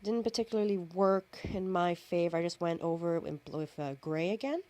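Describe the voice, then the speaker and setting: A woman's voice: fairly low pitch, brisk, warm tone. A woman narrating her own face-paint tutorial in a chatty, informal way, often correcting herself and using fillers. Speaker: makeup artist. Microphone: camera and phone.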